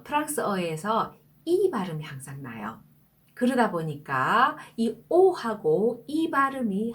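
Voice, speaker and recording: Slow, careful woman teaching French pronunciation. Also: medium pitch. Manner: slow, careful, repeats words for practice. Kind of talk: pronunciation lesson.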